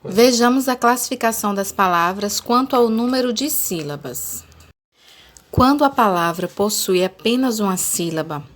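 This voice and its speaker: A woman teacher with a Brazilian accent giving a lesson, speaking slowly and spelling words out syllable by syllable. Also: mid-range voice, animated. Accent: Brazilian Portuguese. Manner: slow, deliberate, spelling out syllables. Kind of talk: recorded classroom lesson.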